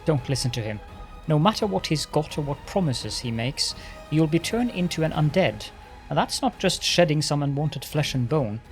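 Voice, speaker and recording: A man's voice: fairly high pitch, expressive, moderate pace, faint music behind. Man voicing a stern, earnest crusader. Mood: stern warning.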